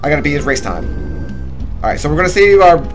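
Young male gamer: casual profane commentary, slangy and teasing, with animated pitch swings. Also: quick pace, faint music behind. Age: young adult. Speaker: game streamer. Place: small indoor room.

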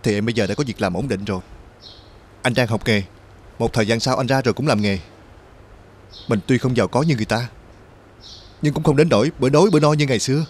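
A young man acting as a son who pleads with his mother and gently talks with his brother, in earnest drama acting. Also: mid-range voice, fast talker, long pauses, natural voice. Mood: gentle. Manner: earnest, pleading, rising to anguish. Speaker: grieving son.

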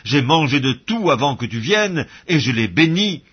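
A man reading the part of an old blind father who blesses his son, in a solemn, measured way. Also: mid-range voice, very animated, breathy edge. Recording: dull lo-fi audio.

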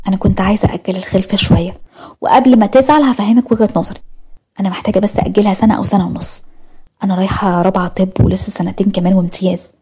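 A woman's voice: mid-range voice, warm tone, husky, natural voice. A woman voicing a jealous young wife in an audio story, speaking emphatically and pleadingly with an Egyptian accent. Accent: Egyptian Arabic. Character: young wife, jealous, fiery, a medical student.

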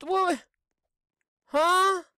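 A middle-aged man doing Let's Play commentary on a headset mic in a small home room, exclaiming and shouting as he plays. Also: extremely high pitch, extremely slow. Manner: excitable, exclaims and shouts while playing. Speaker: gaming YouTuber.

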